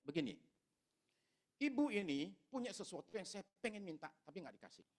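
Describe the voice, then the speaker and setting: A man's voice: high-pitched, big pitch swings, fairly quick. A man preaching, telling a story to his congregation and addressing them directly. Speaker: pastor. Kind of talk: storytelling sermon.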